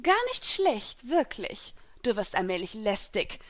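A woman's voice: on the high side, expressive, moderate pace, a bit bright, no room sound. A smug, gloating young villainess mage who taunts her rival in a raised, sharper voice, as a woman narrator puts her on. She sounds pleased with herself and cruelly self-assured, like a storybook villain. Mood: taunting.

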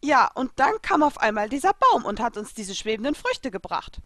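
Woman doing a high polite maid spirit. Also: big pitch swings, moderate pace, a bit bright, no room sound, clean studio sound. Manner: deferential, courteous.

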